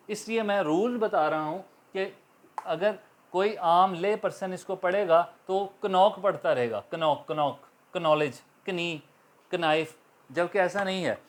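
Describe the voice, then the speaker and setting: Man teaching English pronunciation. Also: high-pitched. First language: Urdu. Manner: explains slowly, spells letters out, repeats words for drill. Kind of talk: spoken grammar lecture.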